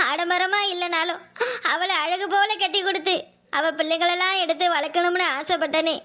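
A woman's voice: extremely high pitch, sharp tone. A woman voicing an older, widowed village mother in a cartoon, protective of her daughter and lamenting, with a Kanyakumari Tamil accent. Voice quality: lamenting, pleading.

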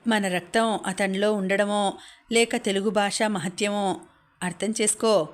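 A woman reading the lines of a remorseful, caring young husband in an audiobook, calm and reassuring. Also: medium pitch, unhurried, natural voice.

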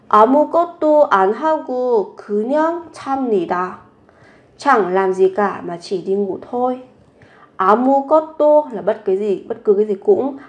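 A woman teaching a language lesson, repeating each phrase three times and then explaining it, often posing rhetorical questions to her listeners. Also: fairly high pitch.

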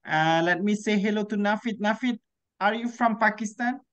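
A man's voice: sits high, moderate pace, a bit bright, smooth. Male English teacher on a video call, encouraging, muffled call audio. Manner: friendly, encouraging, short prompts. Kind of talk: online class moderation. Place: indoor room with virtual background.

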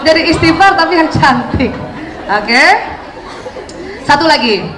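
Animated high-voiced woman lecturing. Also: a little slow, echoey room, a crowd in the background, rough recording. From Indonesia. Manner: animated, acts out quoted speech, laughs often. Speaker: lecturer giving a parenting talk. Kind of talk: lively religious parenting talk to mothers.

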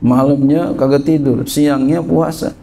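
Man, Islamic teacher, gravelly, warm low tone, Arabic reading with casual explanation. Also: unhurried. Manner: reads Arabic text then explains it in lively colloquial speech. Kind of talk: kitab study lesson.

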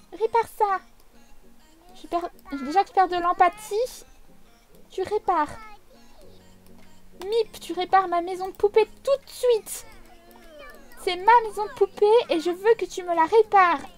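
A woman's voice: extremely high pitch, measured pace, long pauses, faint music behind, pitched above the performer's own voice. A woman voicing a bossy, tantrum-throwing little girl who shrilly demands things. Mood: indignant, bossy.

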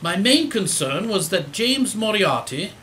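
A man plays a polite, earnest gentleman doctor in a Victorian audio drama. His voice is high and bright, with lively, formal phrasing. Faint noise sits behind him. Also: a little slow, exaggerated voice. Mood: earnest, grave. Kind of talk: audio theatre period drama acting.

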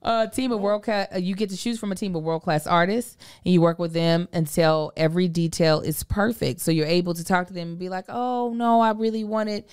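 Woman, thirties, slightly low pitch, conversational podcast ad read, close desk mic. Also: fairly even intonation, fairly quick, hardly any pauses, clear, resonant tone. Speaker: podcast co-host. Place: small indoor studio. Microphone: close desk podcast microphone.

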